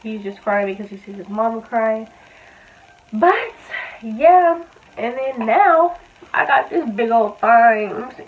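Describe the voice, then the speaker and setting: A woman's voice: fairly high pitch, moderate pace, phone-quality sound, slight background noise. A young woman vlogger casually telling a personal story, talking in a loose, chatty way full of "like" and fillers. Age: young adult. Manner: chatty, filler-heavy, says "like" often.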